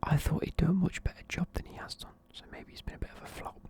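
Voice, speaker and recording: A fast-talking young man with a darkish tone whispers the entire time in his casual video. Sounding sleepy, he reviews football teams and swears without much thought.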